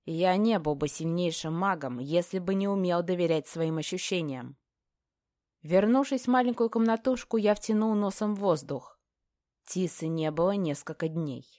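A woman narrating a first-person fantasy audiobook with a fairly low voice, telling it tensely and dramatically. The sound is dry and close, with no room around it. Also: moderate pace, mellow, no echo.

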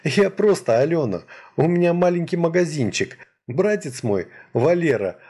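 Man doing a tearful young shopkeeper woman, wry, sniffly, raised voice, lively. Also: fairly high pitch, husky, voice pushed up, heavily acted. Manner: weary, sniffling, wryly joking.

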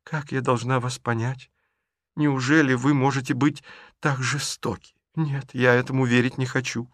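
A man's voice: medium pitch, a little slow, vocal fry, no room sound, studio quality, voice pushed up. A man voicing a fussy, tearful middle-aged gentry lady who pleads theatrically in an audiobook. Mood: pleading. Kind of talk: audiobook character reading.

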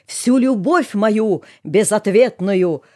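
Lady putting on a guy chanting old folk verses, slow and singsongy, pitch swooping around. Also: animated, a little mellow. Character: man reciting folk verse to tease.

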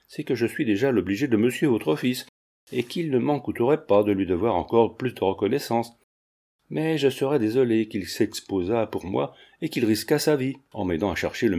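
A man reading the lines of a reserved, resolute young woman in an audiobook, in a measured, formal way. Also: fairly low pitch, expressive, mellow. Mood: firm.

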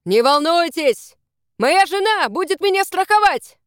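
A woman's voice: very high-pitched, animated, measured pace, dry recording, studio quality, pitched above the performer's own voice. A woman voicing a plain, kind man who calls out reassuringly to someone below, in an audiobook. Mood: urgent. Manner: calling out loudly.

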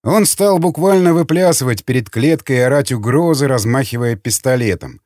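A man narrating an audiobook in an expressive reading voice. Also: mid-range voice, normal speed, dry recording, clean studio sound. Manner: expressive, voices many characters.

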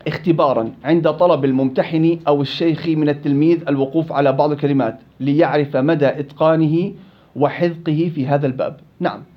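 A man's voice: a little high, fairly even intonation, fast. A man teaching a class on Quran recitation rules, repeating and contrasting each rule to drill it into his students. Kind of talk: classroom tajweed lesson. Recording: muffled lo-fi recording.

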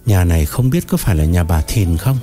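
A man's voice: sits low, animated, a little fast, warm tone, soft background music, pitched below the performer's own voice. A man voicing a weary, tearful man down on his luck, hesitant and pleading.

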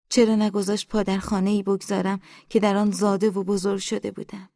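A woman narrating an audiobook in a soft, hushed, inward way, recorded on a studio mic. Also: mid-range voice, gravelly, dry recording.

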